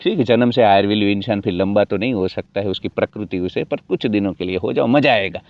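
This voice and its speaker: A man delivering a sarcastic, preachy motivational monologue, swinging between loud outbursts and low mutters. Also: a little fast, no echo. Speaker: motivational video creator. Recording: dull dry recording.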